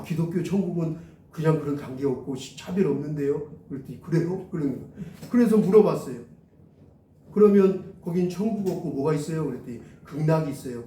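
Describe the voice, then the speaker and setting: A male pastor telling an animated story in a sermon, acting out the voices of the people he met. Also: fairly high pitch, a little hiss or hum. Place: church hall. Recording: roomy echo, mic at a distance.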